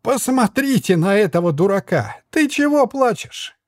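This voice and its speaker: A man's voice: high-pitched, sing-song, moderate pace, darkish tone, no room sound, studio quality, voice pushed up. A man voicing a cheeky jester puppet who mocks and laughs at others. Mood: mocking.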